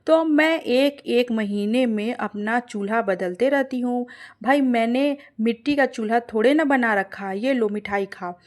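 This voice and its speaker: A woman's voice: fairly high pitch, a little slow, a little mellow, lightly acted. A woman voicing a boastful, condescending rich neighbor woman in a cartoon story.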